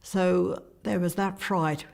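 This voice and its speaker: A woman's voice: on the low side, fairly even intonation, takes it slowly, gravelly, darkish tone. An older woman from Guernsey recalling childhood memories in an interview, in a plain conversational way. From Guernsey, Channel Islands. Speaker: eyewitness interviewee. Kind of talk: recollection in an interview.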